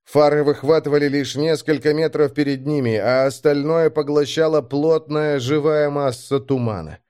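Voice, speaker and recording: A man's voice: a little high, steady tone, moderate pace, darkish tone, clear, resonant tone. Man narrating a tense audiobook.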